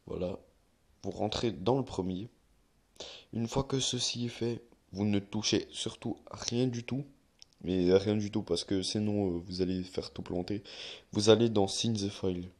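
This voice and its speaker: Young male tutorial maker, deep low voice, casual and rambling with lots of fillers. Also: a little slow, darkish tone. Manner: rambling, many fillers and self-corrections. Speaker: YouTuber giving a tutorial. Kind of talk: casual screen-recorded tutorial.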